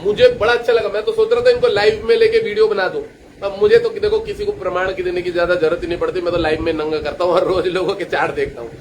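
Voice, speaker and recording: A man with a high voice gives a casual astrology lecture. He brags and swears freely, and he tells his stories with lively scorn. A faint noise sits under his voice. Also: fast, poor audio. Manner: boastful, crude and swearing, telling anecdotes. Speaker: astrologer and teacher. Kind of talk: casual lecture-style monologue.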